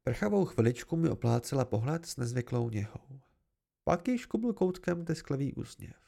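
A man's voice: medium pitch, very animated, vocal fry, dark tone. A man giving an amateur first-person novel narration, reading expressively. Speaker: audiobook reader.

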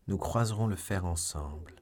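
A stern musketeer who gives firm, commanding orders, as a man reading the novel voices him. The voice is low and husky. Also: moderate pace, darkish tone.

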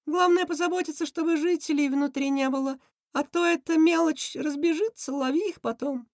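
A woman voicing a nervous, excitable male rat schemer who shrieks, in an audiobook. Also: high voice, normal speed, no room sound, clean studio sound, pitched above the performer's own voice. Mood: scheming. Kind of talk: audiobook character voice.

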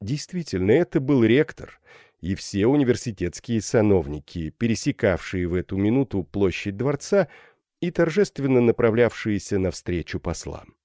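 A man reading a classic novel aloud as an audiobook narrator, in a lively storytelling manner. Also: on the low side, normal speed, no echo, studio quality. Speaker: audiobook reader. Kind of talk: scripted narration.

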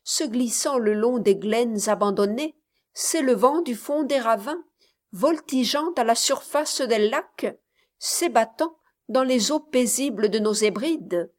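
A woman's voice: on the high side, expressive, takes it slowly. A woman voicing a spirited, romantic young Scottish woman who speaks passionately and indignantly in a storybook reading.

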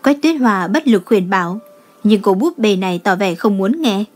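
A woman's voice: medium pitch, expressive, normal speed. Woman narrating an audiobook over music. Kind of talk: scripted narration.

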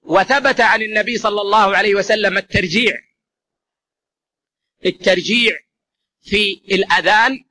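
A man's voice: sits high, normal speed, pauses often, bright, forceful tone. A man giving an explanatory religious lesson, addressing listeners as brothers and repeating key phrases for emphasis. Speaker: religious teacher.

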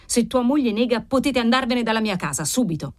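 A woman's voice: on the high side, lively intonation, fairly quick, pitched above the performer's own voice, close to an everyday voice. A woman voicing a harsh, domineering male aristocrat who is desperate for money, giving curt orders. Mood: harsh, commanding.

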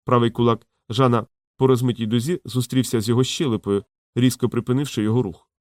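A man narrating a fantasy audiobook in a steady, measured storytelling voice. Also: medium pitch, dry recording, clean studio sound. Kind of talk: scripted narration.

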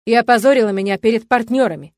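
A cruel middle-aged father hurls sneering insults in a loud, contemptuous voice, as a woman reading the story acts him out. He sounds like a bully who is sure of his power. The reading is dry and close, with no room sound. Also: on the high side, fast, dry recording, close to an everyday voice. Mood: raging.

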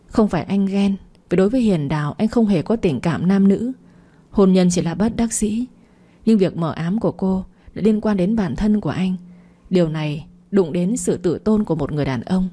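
A woman narrating a storybook in a steady, even reading. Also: medium pitch, normal speed, husky.

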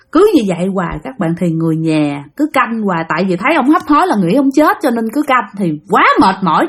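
Woman, Southern Vietnamese accent, ghost storytelling, chatty, talks to listeners, lively intonation. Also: fairly high pitch, slightly rough. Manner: chatty, addresses listeners directly, many fillers.

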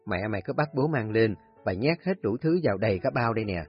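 A man's voice: fairly low pitch, animated, fast talker. A man voicing an older village father who is stern but tender and questions bluntly, in a storybook reading. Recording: husky voice, dull lo-fi audio, faint music.

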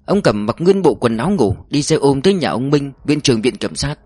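A man narrating a story with steady storytelling. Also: medium pitch, a little fast, slightly rough, no room sound. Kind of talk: audiobook narration. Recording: dry recording with faint music. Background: faint background music.

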